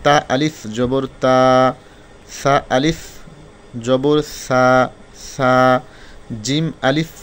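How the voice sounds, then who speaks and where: A man teaching Quran reading, spelling out Arabic letters slowly one by one and explaining the rules more quickly. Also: mid-range voice, fairly even intonation, clean tone. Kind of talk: spelling-out recitation lesson.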